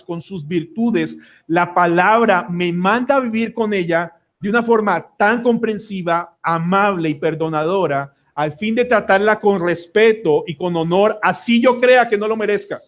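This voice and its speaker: A man's voice: high-pitched, measured pace. A man with a Colombian accent preaching a sermon to his congregation, earnest and asking them question after question. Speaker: pastor.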